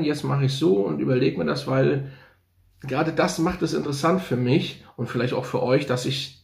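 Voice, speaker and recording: A man's voice: fairly high pitch, creaky. Enthusiastic man reviewing perfumes, echoey room. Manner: enthusiastic, thinks aloud, repeats slang praise. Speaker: fragrance reviewer. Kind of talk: casual unscripted product review.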